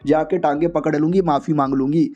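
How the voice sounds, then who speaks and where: A man voicing a hot-tempered young single mother who talks bluntly and swears freely, in a fairly high, mellow voice. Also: steady tone, lightly acted. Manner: blunt, crude, quick to swear.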